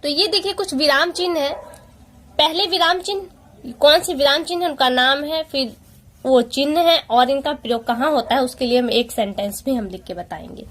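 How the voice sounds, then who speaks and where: A woman teaching an exam-prep lesson, explaining patiently step by step with rhetorical questions and slowing down to read out examples. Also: high voice, fairly bright tone. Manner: slows down to read out example sentences.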